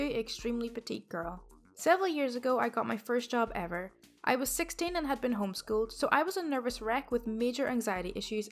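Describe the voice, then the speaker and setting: A woman hosting a storytime channel, reading online posts aloud in a steady, even delivery. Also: on the high side.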